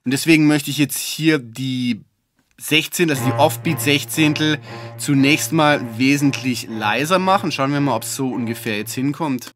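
A man giving a relaxed, chatty music-software tutorial, with fillers and self-corrections. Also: medium pitch, normal speed. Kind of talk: screen-recorded software tutorial.

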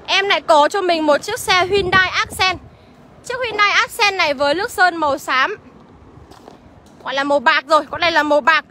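A woman's voice: very high-pitched, pushed and bright, a little hiss or hum. A woman with a Northern Vietnamese accent livestreaming from a used car lot, chattily rattling off car features and prices. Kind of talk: livestream sales pitch.

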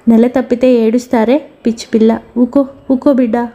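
A woman's voice: a little high, flat delivery, normal speed, dark tone, highs cut off, natural voice. A woman voicing an older village mother in a read-aloud story, speaking bluntly and coaxingly. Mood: comforting.

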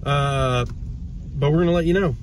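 A man's voice: a little high, normal speed. A man in his thirties co-hosting a casual, jokey chat from a parked car, filmed on a phone at arm's length. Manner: jokey, upbeat, rambling. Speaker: co-host. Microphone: phone camera at arm's length. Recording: noisy car interior.

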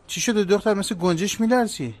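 A man's voice: sits high, a little mellow. A man dubbing a jokey, bossy working-class older brother in a drama, talking in playful banter. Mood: teasing. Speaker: dubbing actor.

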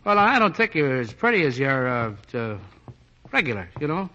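A man's voice: medium pitch, very animated, normal speed, sharp tone. An actor playing a brash, plainspoken American man in 1940s radio acting, stammering and drawling. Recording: dull 1940s radio broadcast.

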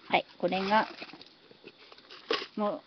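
A woman's voice: medium pitch, fairly even intonation, very slow. A woman live-streaming from her phone, chatting casually and thanking viewers for their comments as she builds. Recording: slightly dull phone stream audio, faint noise.

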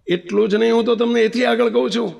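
A man's voice: very high voice, steady tone, fast talker, creaky, a little mellow. A man, a spiritual leader, giving a storytelling sermon and putting rhetorical questions straight to his listeners. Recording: long reverb of a large hall.

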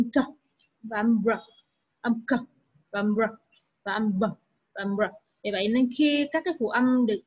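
A woman's voice: a little high, breathy edge. A woman English teacher giving an online lesson who explains patiently and repeats sounds for her students. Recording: dull lo-fi recording.

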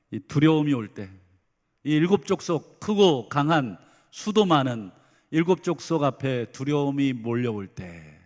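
A middle-aged man preaching a Sunday sermon as senior pastor, lively and dramatizing the voices of parents and children. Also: medium pitch. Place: church sanctuary. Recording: long hall reverb.

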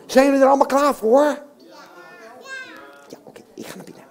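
A woman's voice: high-pitched, brisk, darkish tone. A woman puppeteer leading a children's audience at a live show, cheerful and encouraging. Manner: encouraging, cheerful, coaxes the crowd with "hè?".

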